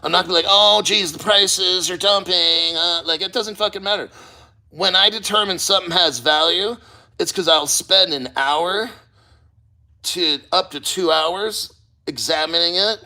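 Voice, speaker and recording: Sitting in a cold water plunge, the host of a crypto channel livestreams casually, talking bluntly, rambling motivationally, and swearing offhandedly. His voice sits high and sounds pushed and bright at normal speed.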